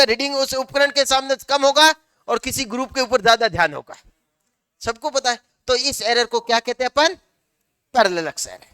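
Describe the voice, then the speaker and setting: High bright-voiced male teacher. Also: clean tone, no room sound, clean studio sound. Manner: asks the class questions and answers them himself; slows down to dictate notes word by word. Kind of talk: classroom lecture.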